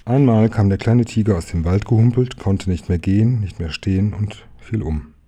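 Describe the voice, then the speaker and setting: A man calmly reading a children's book aloud, chapter by chapter. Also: fairly low pitch, moderate pace. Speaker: storyteller.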